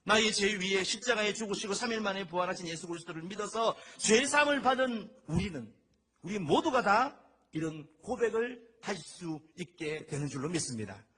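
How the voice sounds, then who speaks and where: A middle-aged man preaching a sermon as pastor, telling stories in a lively way and acting out the voices he quotes. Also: sits high, moderate pace, breathy edge.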